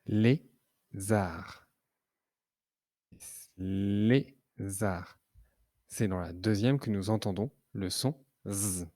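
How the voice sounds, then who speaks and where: A man teaching children to read, sounding out syllables slowly and clearly. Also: fairly low pitch, a little mellow, dry recording, studio quality. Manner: slow, clearly articulated syllables. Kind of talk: reading lesson for children.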